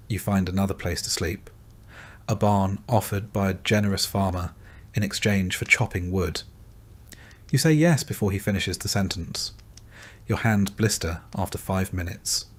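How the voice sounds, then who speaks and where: A man with a somewhat low voice reads a scripted bedtime story. He speaks calmly and gently, addressing the listener as "you" throughout. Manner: calm, gentle second-person storytelling. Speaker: sleep story narrator.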